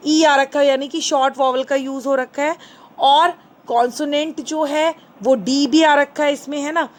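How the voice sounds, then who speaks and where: A woman with a high, light voice and an Indian English accent teaches a grammar lesson for children. She speaks slowly and deliberately, switching between Hindi and English and posing questions that she then answers herself. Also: fairly even intonation. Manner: patient, asks questions and answers them herself; calls listeners "children", mixes Hindi and English. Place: indoors, screen recording.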